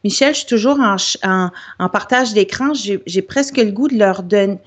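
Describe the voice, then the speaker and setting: A woman's voice: mid-range voice, normal speed. A woman with a Québécois accent presenting a product on a video call, talking casually with many fillers and restarts. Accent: Québécois French. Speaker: presenter of a vocal chanting product. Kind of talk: live online presentation, casual.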